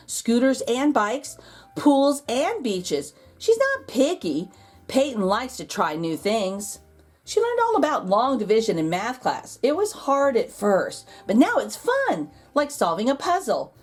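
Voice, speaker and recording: A woman hosting a children's picture book read-aloud reads the story expressively, drawing out key words for emphasis. Her fairly high voice swoops wildly in pitch, sounds slightly rough, and moves slowly. Soft music plays in the background.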